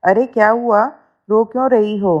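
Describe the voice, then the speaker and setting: A woman's voice: mid-range voice, fairly even intonation, moderate pace, lightly acted. Stern suspicious mother-in-law read by a woman, scolding tone, muffled lo-fi sound. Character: stern middle-aged mother-in-law, quick to blame.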